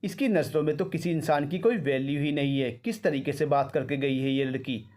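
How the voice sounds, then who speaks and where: A man's voice: medium pitch, normal speed, darkish tone, close to an everyday voice. A man voicing a stern old grandmother who scolds her family indignantly. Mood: scolding.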